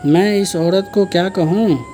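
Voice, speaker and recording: A man's voice: high voice, steady tone, measured pace, dark tone, faint music behind. A man voicing a patient, weary peasant farmer who speaks sternly, in an audiobook.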